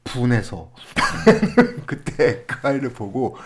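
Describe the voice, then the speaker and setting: Lively Korean man telling stories. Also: mid-range voice, slow pace. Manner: animated storytelling with frequent laughs; explains in a friendly advising way. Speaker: education consultant on a podcast. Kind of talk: conversational podcast talk.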